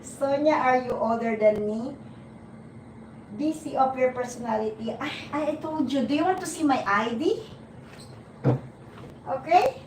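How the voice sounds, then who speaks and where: A high-voiced Filipino woman from the Philippines, in her forties, hosts a livestream, casually chatting with viewers. She teases, laughs often, and restarts haltingly, while a distant mic in a roomy space picks up background noise and ambience.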